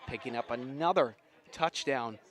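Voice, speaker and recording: Outdoors at a sports field, a play-by-play commentator calls live rugby with enthusiastic, folksy slang. His voice sits at medium pitch with a fairly bright tone, and he speaks unhurriedly.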